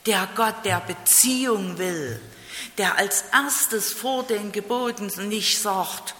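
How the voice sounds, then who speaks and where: A preacher delivers a sermon slowly and deliberately, hammering home key phrases and throwing in rhetorical questions. The voice is bright and sharp-edged. It rings through a large, roomy hall with a long reverb tail. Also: medium pitch.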